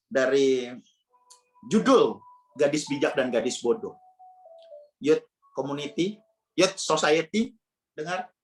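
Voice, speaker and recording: A man's voice: medium pitch, a bit bright. A man preaching a casual youth sermon, firing slangy rhetorical questions at his listeners.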